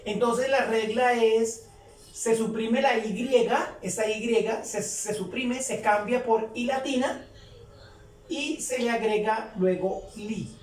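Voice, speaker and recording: A woman teaching a lesson, explaining step by step and repeating each example slowly and deliberately. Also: fairly high pitch. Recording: roomy echo, distant from the mic, faint background hum.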